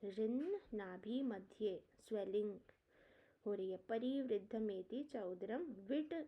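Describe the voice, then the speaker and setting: A woman's voice: mid-range voice, takes it slowly. A woman teaching an Ayurveda exam-prep lecture. She reads Sanskrit verses, explains them in Hindi with English terms, and gives memory tricks. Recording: dull lo-fi lecture recording.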